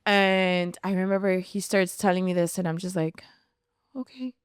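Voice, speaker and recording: A woman's voice: lowish voice, little pitch movement, moderate pace, smooth, no echo, clean studio sound. A woman telling her personal faith testimony in an earnest, storytelling way, often saying "like". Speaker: podcast guest sharing testimony.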